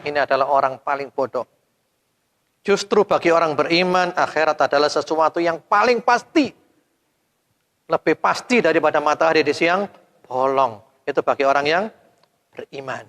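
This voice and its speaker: A male preacher giving a sermon to a women's study group, firing rhetorical questions at his audience, with sudden loud rises and soft, trailing endings. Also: fairly high pitch. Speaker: Islamic preacher. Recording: long hall reverb.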